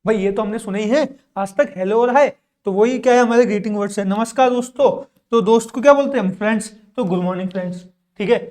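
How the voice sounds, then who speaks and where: A man's voice: high-pitched, quick pace, a little mellow. A male English teacher leads a video lesson. He keeps asking questions and answering them himself, and he says "ठीक है" again and again to check that students follow. He repeats each word twice so the class can copy him.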